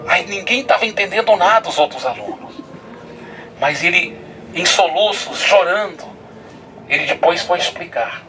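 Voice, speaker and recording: A man's voice: high voice, lively intonation, moderate pace, distant mic, background noise. A male pastor preaching outdoors, telling a story animatedly and often laughing as he goes. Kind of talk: sermon with storytelling. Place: outdoors at a hilltop site.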